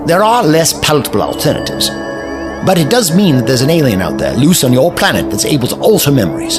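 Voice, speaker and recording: An actor playing an eccentric, clever older time-traveller in an audio drama, with a theatrical, teasing and brisk manner. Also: male voice, mid-range voice.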